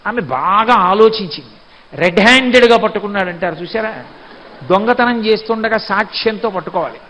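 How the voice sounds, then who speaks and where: A man giving a devotional discourse, retelling a sacred story in an animated way. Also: high voice, brisk. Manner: animated storytelling, acts out voices. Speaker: spiritual discourse speaker.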